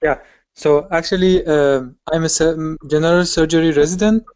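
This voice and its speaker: A woman's voice: low-pitched, steady tone, normal speed, a little mellow, no room sound. A woman speaks earnestly over a video call, sometimes stopping to search for words. Her voice sounds dry and close. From Syria. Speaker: surgery resident.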